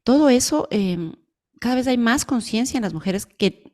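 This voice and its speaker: A woman's voice: a little high, expressive, normal speed, darkish tone. A woman from Ecuador with an Ecuadorian Spanish accent, speaking thoughtfully and hesitantly in a casual podcast conversation. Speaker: podcast co-host.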